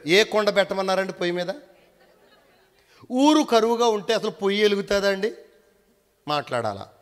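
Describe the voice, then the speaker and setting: A man preaching in a Telugu accent, his fairly high voice ringing with a long reverb through a church hall. He drives hard for call-and-response, demanding loud answers, and lurches between booming and hushed delivery. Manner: emphatic call-and-response preaching, urging the congregation to answer loudly; swings between loud shouted lines and low quiet ones. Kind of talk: sermon.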